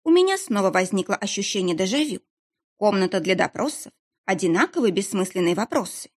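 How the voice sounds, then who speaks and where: A woman giving scripted first-person narration of a story in a lively storytelling manner. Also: mid-range voice, brisk.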